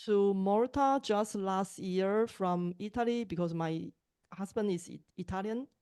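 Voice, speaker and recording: Woman from Taiwan, Taiwanese accent, second-language English, hesitant, slow and smooth, video call. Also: medium pitch, dark tone. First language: Mandarin. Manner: hesitant, with pauses and restarts. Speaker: language teacher and podcaster. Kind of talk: online group introductions.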